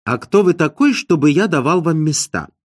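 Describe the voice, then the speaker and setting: A harried theatre administrator, snapping at people and muttering to himself, played by a male audiobook reader. His voice leaps up and down in pitch, and the recording is dry and close. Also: expressive, normal speed, dry recording. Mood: snappish.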